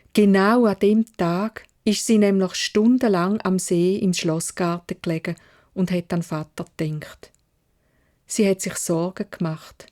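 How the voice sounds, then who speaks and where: Swiss German woman telling a fairy tale. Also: fairly low pitch. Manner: expressive storytelling, voicing the characters. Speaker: storyteller. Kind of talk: fairy-tale narration for children.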